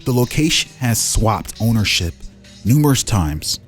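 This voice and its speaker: A man with a lowish voice hosts a casual reading of fan-made game lore, very animated yet unhurried, breaking off into informal musings. Music plays behind him.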